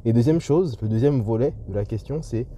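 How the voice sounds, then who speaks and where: A man's voice: mid-range voice, fairly quick, dark tone. A man talking casually to viewers as an entrepreneurship vlogger, his voice slightly muffled through a face mask, with hesitant delivery. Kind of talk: casual vlog talk to viewers. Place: on the move, leaving a garage. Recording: muffled lo-fi audio, clear vehicle and ambient noise.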